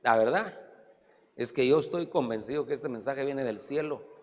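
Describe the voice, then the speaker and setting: A man pastor preaching a sermon, swinging from loud exclamations to low asides. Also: normal speed, long reverb tail, a little hiss or hum.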